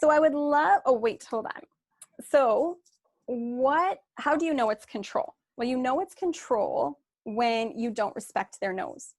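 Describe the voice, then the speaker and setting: A woman's voice: high-pitched, unhurried, no echo, studio quality. A woman life coach giving a candid online workshop talk, telling her story with many "you know"s and "like"s over a video call.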